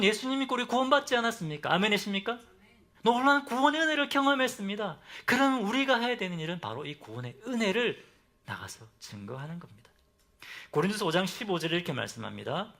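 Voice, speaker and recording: A man preaching a Sunday sermon as pastor. He asks the congregation questions and ends phrases softly for emphasis. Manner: drops to soft, low endings for emphasis.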